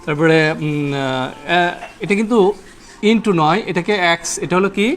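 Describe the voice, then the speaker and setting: A man's voice: fairly high pitch, animated, normal speed, a bit bright, a little hiss or hum. A man teaching English grammar at a whiteboard, repeating key points and quizzing his students with rhetorical questions.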